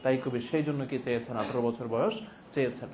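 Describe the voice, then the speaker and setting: A man giving a classroom lecture as a teacher, repeating phrases deliberately for dictation and prompting students with emphatic questions. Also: medium pitch, a little mellow, a little hiss or hum. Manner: repeats phrases slowly and deliberately for note-taking.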